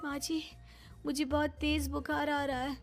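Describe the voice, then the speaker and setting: Hurt young cartoon daughter-in-law, reproachful, high voice, a woman voicing her. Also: level tone, unhurried, faint music behind. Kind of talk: cartoon voice acting.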